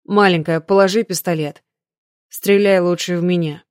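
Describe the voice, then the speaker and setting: A woman's voice: lowish voice, fairly even intonation, normal speed, no room sound, studio quality, natural voice. A woman voicing a tormented young man who urgently pleads with his beloved in an audiobook. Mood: pleading.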